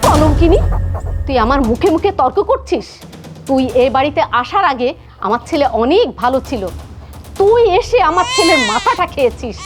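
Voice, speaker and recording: High-pitched, scolding Bangladeshi mother-in-law. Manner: scolding, haranguing. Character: harsh, accusing mother-in-law, quick to rage. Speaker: actor. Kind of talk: melodramatic short film acting.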